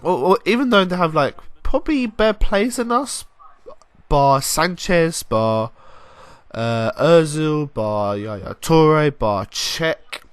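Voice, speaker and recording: Young guy commentating his football game, chatty and excitable, a touch high-pitched, dry sound. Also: takes it slowly, clean tone, dry recording. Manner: chatty, rambling, excitable bursts, mild swearing. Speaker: gaming YouTuber.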